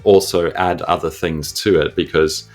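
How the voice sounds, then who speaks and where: A man's voice: sits low, steady tone, moderate pace, faint music behind. A man from Zimbabwe, a podcast co-host, talking casually as a guest and laughing easily. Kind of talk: casual interview talk.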